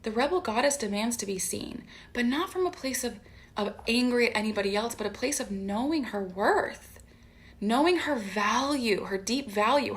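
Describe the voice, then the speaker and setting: A woman's voice: on the high side, a bit bright. A woman hosting a live stream as a coach, giving an impassioned motivational talk and stacking repeated phrases for emphasis. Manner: impassioned, emphatic, keeps checking in with "right?".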